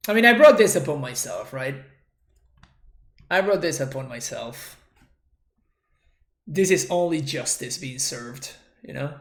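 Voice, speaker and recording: With a mid-range voice, lively intonation, and a measured pace broken by long pauses, this man sounds reverberant. He's an Argentine streamer, a native Spanish speaker with Spanish-accented English, casually talking through his own play while thinking aloud, restarting often, and making wry, self-deprecating remarks.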